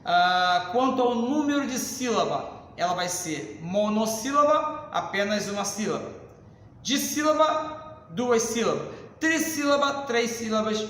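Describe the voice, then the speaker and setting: Brazilian guy teaching grammar at the board, pretty high voice, roomy classroom echo. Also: lively intonation, a bit bright. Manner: explains slowly at the board, addresses class as "senhores". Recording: echoey classroom, reverb.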